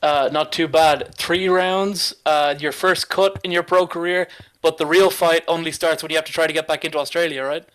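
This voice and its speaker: A man with a somewhat high voice speaks as a sports reporter. He puts his questions in a conversational way at a press conference. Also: steady tone, normal speed, fairly bright tone.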